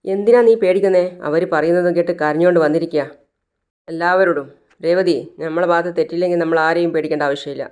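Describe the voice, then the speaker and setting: Brief: a firm, protective young husband, read plainly by a storyteller, pressing with questions, smooth clear tone. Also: mid-range voice, steady tone, fast, a little mellow, close to an everyday voice. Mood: insistent.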